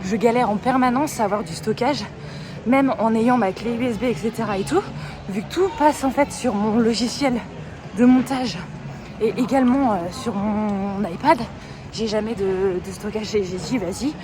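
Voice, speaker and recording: Her voice a little high and her pace moderate, a young woman from France rambles casually to her phone camera through stories with occasional swearing. This travel vlog is shot in streets and a station, with traffic noise and music in the background.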